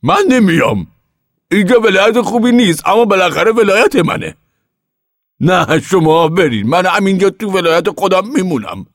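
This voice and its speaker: A man's voice: high-pitched, big pitch swings, no room sound, studio quality, pitched above the performer's own voice. A fierce stubborn old grandfather. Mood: defiant. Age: older. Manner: shouting, defiant, drawn-out words.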